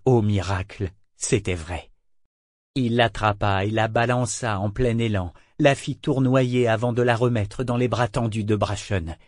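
A man narrates a novel in a measured, steady reading voice. His pitch sits in the middle range for a man. The recording is dry and close, with no room echo. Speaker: audiobook narrator.

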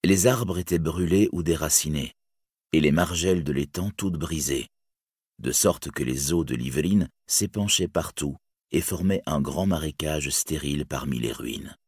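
A man narrating an epic tale as an audiobook, reading in a slow, solemn and deliberate way. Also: a bass voice, a little mellow, breathy edge, no echo, studio quality.

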